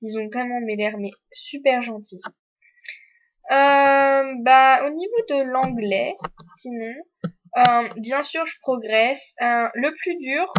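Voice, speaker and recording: A teenage exchange student from France talks candidly to the camera in a casual chat, using lots of fillers. Her voice is high, and the audio sounds dull.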